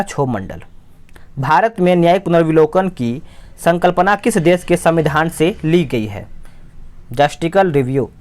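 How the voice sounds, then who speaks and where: Fast-talking man quizzing himself. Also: fairly high pitch, darkish tone. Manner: quick, repetitive explaining, asks and answers himself. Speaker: exam-prep tutor. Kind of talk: quiz answer walkthrough.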